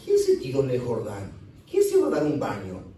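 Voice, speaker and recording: A man's voice: mid-range voice, wildly swooping pitch, brisk, mellow, a little hiss or hum. A male pastor with a Uruguayan Spanish accent preaching a sermon in a church, often breaking in with praise to God and acting out the voices of people he quotes. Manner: preaching with frequent "Gloria al Señor" interjections, acting out quoted voices. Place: church hall. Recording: echoey church hall, voice from a distance.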